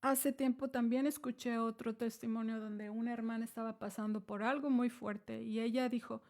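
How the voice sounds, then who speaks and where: A woman's voice: on the high side, steady tone, moderate pace, darkish tone. A woman giving a devotional talk to other women, earnest and pleading, often calling her listener sister. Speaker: women's ministry speaker. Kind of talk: devotional teaching.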